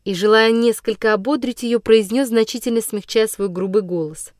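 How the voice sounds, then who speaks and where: A woman narrating a classic children's story as an audiobook, in a measured, dramatic storytelling manner. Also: on the high side, fairly even intonation, no room sound, clean studio sound.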